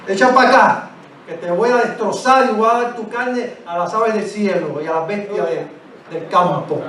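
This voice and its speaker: A man's voice: high-pitched, normal speed, fairly bright tone, a little hiss or hum. A man acting out a boastful giant warrior taunting a boy, in a sermon, with a bellowing, taunting manner. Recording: echoey church from a distant mic.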